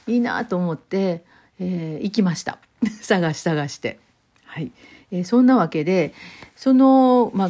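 Warm-voiced Kansai woman reading aloud. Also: fairly low pitch. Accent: Kansai Japanese. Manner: gentle, chatty, many fillers; slows down to read. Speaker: reader of a short story. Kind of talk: casual chat, then unhurried literary reading aloud.

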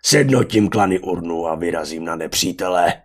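A man voicing a greedy, brutish male warrior who bellows slowly and loudly in a fantasy audiobook. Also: deep voice, animated. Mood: boastful.

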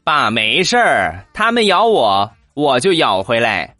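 A man voicing a cheeky, mischievous little boy with a high, childish voice. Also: lively intonation, normal speed, over loud music.

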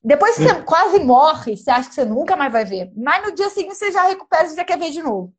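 A young woman telling a dramatic personal travel story in casual, animated chat. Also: high voice, fast. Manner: lively, animated, dramatic retelling with gestures.

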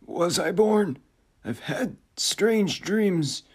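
A man voicing an eerie, formal, troubled otherworldly man in a storybook tale, speaking in stiff, measured phrases. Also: high-pitched, animated, breathy edge, pitched above the performer's own voice, heavily acted. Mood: brooding.

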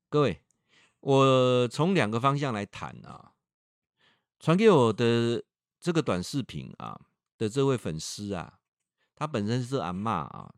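A man's voice: fairly low pitch, no room sound, clean studio sound. A man with a Taiwanese Mandarin accent, a professor hosting a livestream talk who tells stories and draws out the particles at the ends of his phrases.

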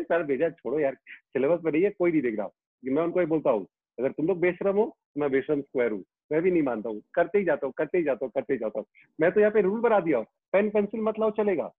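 A man's voice: high-pitched, no echo. Emphatic middle-aged man on a tinny line. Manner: emphatic, repeats key phrases for effect. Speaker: teacher of students and YouTube educator. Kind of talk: animated interview talk. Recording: tinny phone-like line, dry.

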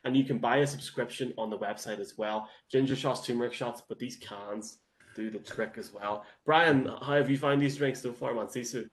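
A man's voice: medium pitch, normal speed, a little hiss or hum. An Irish man hosting a sports show in a casual, chatty and enthusiastic way.

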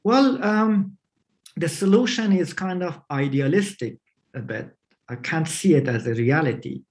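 An interview guest from Afghanistan, not a native English speaker, gives remote interview answers in a slow, halting way with many fillers and restarts. His voice is fairly high and expressive.

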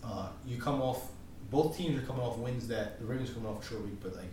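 A man's voice: mid-range voice, fast talker, over a noisy crowd. A young man co-hosting a podcast, chatting loosely about sports with plenty of swearing and restarts. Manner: loose, profane, restarts often. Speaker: podcast co-host. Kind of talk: casual sports chat. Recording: echoey room from far off, noisy.

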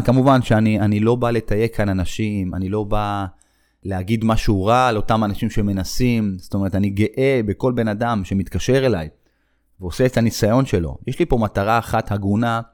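A man's voice: lowish voice, darkish tone. A middle-aged man, a running coach hosting a podcast, talks in a reflective monologue full of hesitations and repeated phrases. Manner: reflective, repetitive, with frequent hesitations.

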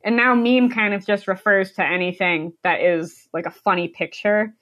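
A woman's voice: medium pitch, fairly even intonation, normal speed, fairly bright tone, highs cut off. A young American woman from the United States, a podcast guest chatting casually, rambling with many fillers and frequent laughter. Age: young adult.

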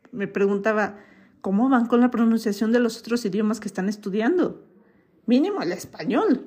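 A woman's voice: mid-range voice, warm tone, slightly rough. A woman from Mexico with a Mexican accent hosting a podcast, chatty and opinionated, with an occasional self-mocking laugh. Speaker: podcast host. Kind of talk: casual podcast commentary.

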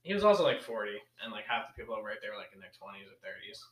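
A man's voice: on the low side, very animated, very fast, a bit bright. A young man co-hosting a podcast, telling rambling stories with frequent laughs. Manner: rambling storyteller, laughs often. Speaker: podcast co-host. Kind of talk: casual chat. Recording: echoey room.

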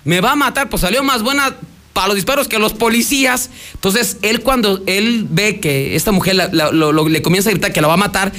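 Retelling a court hearing on his news radio show, this Mexican Spanish-accented man rambles conversationally, restarts often, and performs the quotes. His voice sits high, with a brisk pace and a sharp tone.

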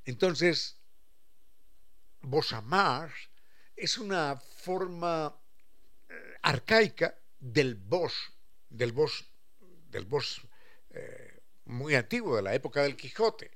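Man, gravelly voice, slightly high, expressive explainer, stretches words for emphasis. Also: extremely slow, pauses often. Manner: expressive, acts out quoted speech, stretches key words. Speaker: speaker explaining language history. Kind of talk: lively explanatory talk.

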